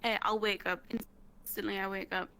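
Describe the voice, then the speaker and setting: A drunk woman from northeast England with a Northeast English accent. She tells a story in rushed, chatty speech and swears a lot. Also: mid-range voice, flat delivery, bright, forceful tone. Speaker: storyteller guest. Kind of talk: casual chat in a virtual world.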